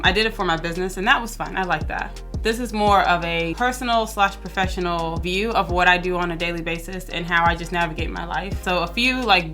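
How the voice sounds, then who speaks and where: A woman in her thirties talks quickly and candidly to camera, her voice bright and forward, with a fairly low pitch for a woman. She keeps an upbeat, chatty vlog tone. Faint music plays behind her. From southern United States. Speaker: vlogger and business owner. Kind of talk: casual vlog talk to camera. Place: her office.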